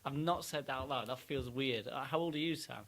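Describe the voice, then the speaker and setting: A man's voice: mid-range voice, a bit bright, slight background noise. A Welsh man around twenty, co-hosting a casual podcast, chatty and teasing. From Wales. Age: 20s. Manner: chatty, quick to laugh and tease. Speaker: podcast co-host. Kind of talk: casual chat.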